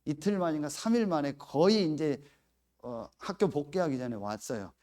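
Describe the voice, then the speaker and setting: A middle-aged pastor delivers a sermon with a personal story, his voice sitting a little high. His pitch leaps around as he acts out heated moments. He talks in an animated, storytelling way. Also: normal speed. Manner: animated storytelling, acting out his own angry outbursts.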